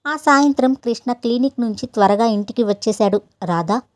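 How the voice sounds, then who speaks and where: A woman storyteller giving a steady, expressive scripted narration of a story. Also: on the high side, brisk, no room sound, clean studio sound.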